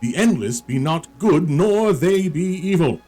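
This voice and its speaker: An ancient dragon of a fantasy game, voiced by a man, speaks in a solemn dragon voice. The delivery is slow and grand, with archaic phrasing and wide swings in pitch. Faint music plays behind. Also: expressive, dark tone, breathy edge. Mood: grave, stately. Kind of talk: reading video game dialogue in character.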